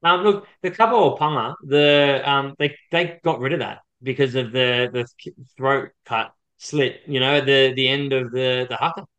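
A man's voice: medium pitch, moderate pace, hardly any pauses, a bit bright, highs cut off. A man giving opinions on sport as a podcast co-host, blunt, emphatic and heated.

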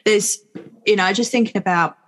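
A woman's voice: mid-range voice, moderate pace, fairly bright tone. A woman co-hosting a podcast, thinking aloud in a casual chat and posing questions as she goes. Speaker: podcast co-host.

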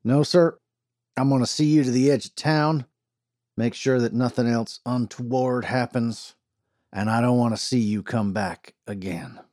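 A man voicing a big, commanding frontier sheriff who booms out orders and talks in a folksy drawl. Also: unhurried, a little mellow, no echo, studio quality, natural voice. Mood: wry.

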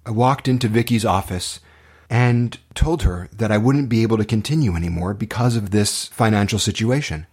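With a lowish, darkish and husky voice at normal speed, an acting teacher recounts his own experiences to motivate his students. He speaks earnestly and passionately, leaning on dramatic emphasis.

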